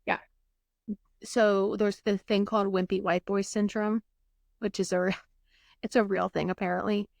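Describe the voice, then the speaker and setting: A young woman with a gravelly, creaky edge to her voice tells a painful personal story in a candid, raw way, acting out each exchange and letting the odd curse slip. The sound is close and dry, with no room around it. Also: medium pitch, little pitch movement, unhurried, pauses often, a little mellow, no echo. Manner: emotional, candid, swears, reenacts dialogue. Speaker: podcast host. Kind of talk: casual podcast storytelling.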